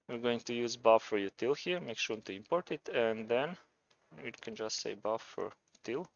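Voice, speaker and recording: A man with a Croatian accent narrates a casual screencast programming tutorial, thinking aloud informally as he demonstrates. His medium-pitched voice is gravelly, and the highs are cut off.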